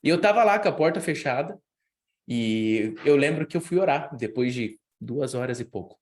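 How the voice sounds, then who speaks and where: A young man with a Brazilian accent preaching at a youth week, telling a personal story and acting out the dialogue with big jumps in pitch. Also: lively intonation, normal speed, a little mellow. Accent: Brazilian Portuguese. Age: young adult.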